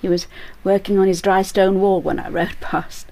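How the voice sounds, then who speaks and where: A woman's voice: mid-range voice, little pitch movement, moderate pace, a little mellow, natural voice. An actress playing a caring middle-aged daughter who reassures her ill mother in a radio drama. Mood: soothing.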